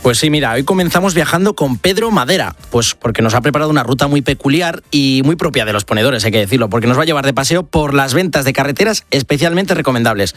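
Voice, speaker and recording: A man from La Mancha talks quickly and cheerfully on the radio, reading the weather forecast with ease. His voice sounds close and dry, with faint music in the background. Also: medium pitch, animated, a bit bright, dry recording. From La Mancha, Spain. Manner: brisk, cheerful, reads forecasts fluently. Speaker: radio co-host, weather presenter. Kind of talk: radio chat and weather report. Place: radio studio.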